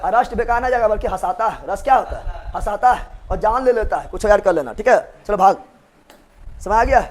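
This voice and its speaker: High-voiced playful male teacher. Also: expressive, fairly quick. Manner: playful, joking, repeats questions to students. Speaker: exam coaching teacher. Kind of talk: live online revision class.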